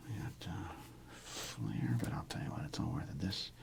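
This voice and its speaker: The host of a sports card ASMR channel whispers unscripted, rambling commentary on his card collection, thinking aloud in a relaxed, casual way. His whisper is low in register, heavily creaky throughout, and moves at a moderate pace.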